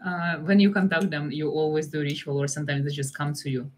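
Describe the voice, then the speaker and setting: A woman's voice: sits low, level tone, quick pace. A woman hosting a live-stream interview, asking curious questions. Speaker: host.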